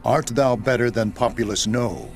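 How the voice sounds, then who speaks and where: A man's voice: mid-range voice, moderate pace. A man giving a dramatized scripture narration in a solemn, declamatory way. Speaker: Bible narrator. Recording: music behind the voice. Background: background music.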